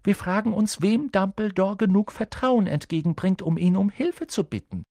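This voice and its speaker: A man's voice: high voice, normal speed, gravelly, warm tone, no echo, voice pushed up. A man voicing a clever, insistent schoolgirl in an audiobook, coaxing and pressing.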